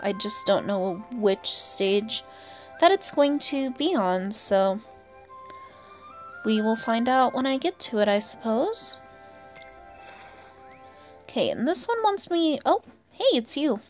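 Slow and expressive with long pauses, a slightly high female voice narrates her gameplay in a chatty, casual way, addressing herself and the characters. She hosts the channel, recording indoors over soft game music.

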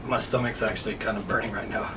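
A man's voice: fairly low pitch, steady tone, quick pace. Noisy, distant man with mouth burning. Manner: struggling with a mouth burning from spicy food. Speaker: host of a hot wings challenge. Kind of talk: casual food challenge chat. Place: indoors at a table in a small room. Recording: distant mic, clear background noise.

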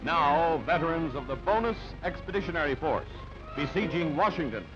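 Speaking at a normal speed in a slightly high, animated voice, a man reads scripted newsreel narration with clipped, punchy drama. Music plays beneath him on the dull, band-limited old soundtrack.

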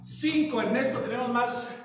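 A man's voice: extremely high pitch, moderate pace, slight background noise. A man with a Mexican accent leading a live exercise class, playful and coaxing as he calls out counts and cues. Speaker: fitness instructor. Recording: echoey hall from far off.

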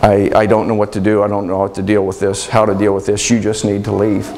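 An actor playing Joseph, a troubled adult man, telling his story in an earnest, halting, emotional way. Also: mid-range voice, expressive, a little mellow, a little hiss or hum, close to an everyday voice, low-quality recording. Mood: distressed. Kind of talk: dramatic monologue storytelling.

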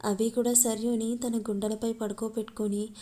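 A woman reading a love story aloud as a steady scripted narration. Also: on the high side, normal speed.

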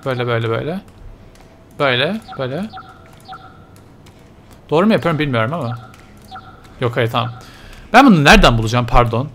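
A man's voice: medium pitch, lively intonation, brisk, long pauses, a bit bright, slight background noise. A man commentating a horror video game, nervous and muttering to himself as he plays. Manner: jittery, mutters to himself while playing. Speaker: let's play gamer.

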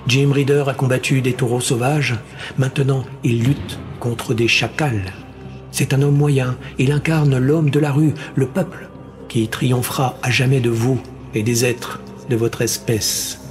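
A man's voice: mid-range voice, fairly even intonation, soft background music, close to an everyday voice. A man doing a grandiose TV game host. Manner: slow, emphatic, theatrical. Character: smooth male TV show host, grandiose.

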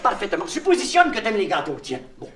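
A crowd can be heard behind this high, wildly swooping, fast-talking voice: a Québécois comedian in the role of a childlike, naive clown-tramp. He rambles and confides in the listener, twisting words into puns, and the old LP recording is noisy, distant and full of echo.

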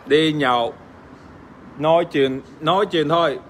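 An Australian man, native English speaker, joking crudely with fans in casual livestream chat, halting with fillers and swearing playfully. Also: a little high, slight background noise. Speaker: livestream host. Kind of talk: casual livestream chat reading fan comments.

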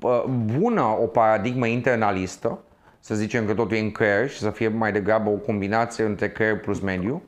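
A man hosting an academic interview, debating points with his guest and addressing the audience. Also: on the low side. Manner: debating points, then wrapping up the segment for listeners. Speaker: interview host.

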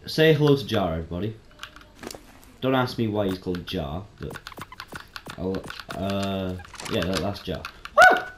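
A man giving casual, chatty let's-play commentary as a game streamer, excitable and prone to sudden startled yelps. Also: deep voice, normal speed, pauses often. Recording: roomy echo, faint noise.

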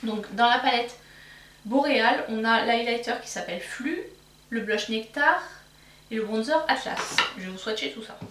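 Casting note: relaxed beauty vlogger, fairly high voice, a bit distant from the mic. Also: female voice, normal speed, a little hiss or hum. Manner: chatty, self-mocking, with frequent fillers. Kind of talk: casual makeup haul show-and-tell. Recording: roomy, somewhat distant mic.

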